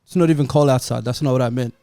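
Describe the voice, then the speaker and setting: A man co-hosts a football podcast, delivering a mock-sad comic monologue to his friends in a plaintive, melodramatic way. His mid-range voice is mellow and rapid-fire. The studio-quality recording has no room sound and soft music playing underneath.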